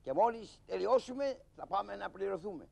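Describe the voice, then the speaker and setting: A man voicing a polite, formal older puppet character who explains things calmly in a live shadow-puppet show. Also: sits high, creaky, full character voice. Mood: instructing.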